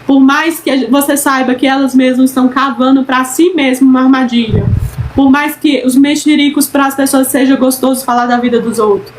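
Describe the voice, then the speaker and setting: A woman's voice: sits high, steady tone, fairly quick, slight background noise, poor audio. A woman teaching a Bible study in an earnest, repetitive way, often checking in with "né?". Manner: earnest, repeats phrases, frequent "né?".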